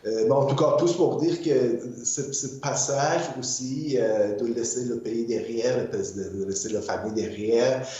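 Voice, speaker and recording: An older man from Iran, a guest artist in an interview, speaking haltingly with many fillers and repeated words. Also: medium pitch, mellow. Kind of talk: interview conversation. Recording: muffled, very echoey room.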